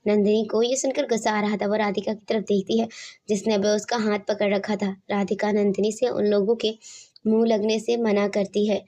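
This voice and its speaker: A woman narrating a scripted romantic story in a steady reading voice. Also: mid-range voice, normal speed.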